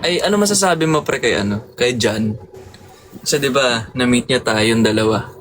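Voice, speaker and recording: A man's voice: mid-range voice, moderate pace, noisy background. A man with a Filipino accent co-hosting a live stream, chatting casually and asking his partner questions. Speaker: livestream co-host.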